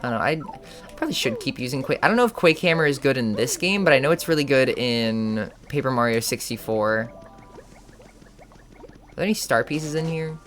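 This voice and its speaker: A man's voice: mid-range voice, lively intonation, fairly quick, a bit bright. A man streaming a video game, talking through his choices in an offhand, musing way. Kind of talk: casual gameplay commentary.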